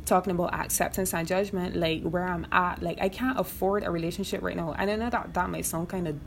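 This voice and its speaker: This young woman hosts a podcast with a Barbadian accent, her voice fairly low, gravelly and steady, moving fairly quickly against slight background noise. She keeps it frank and casual in a monologue, swearing freely and often asking "you know what I mean."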